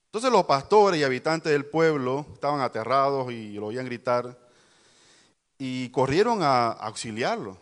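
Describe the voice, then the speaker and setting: A man's voice: mid-range voice, expressive, unhurried. A man preaching to a youth service, telling a fable and quizzing the congregation. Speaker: pastor. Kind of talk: youth sermon storytelling. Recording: long hall reverb.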